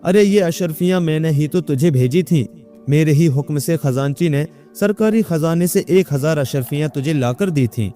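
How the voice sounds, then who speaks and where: A man's voice: fairly high pitch, dark tone, soft background music, close to an everyday voice. A man doing a haughty deluded young caliph. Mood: commanding. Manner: commanding, indignant. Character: young man who believes he is caliph, arrogant and angry.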